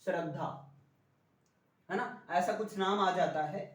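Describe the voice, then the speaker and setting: Guy teaching a class, keeps quizzing the kids, sounds far off in a boomy room. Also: unhurried, roomy sound. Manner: drills the class with repeated questions. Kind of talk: classroom spelling lesson.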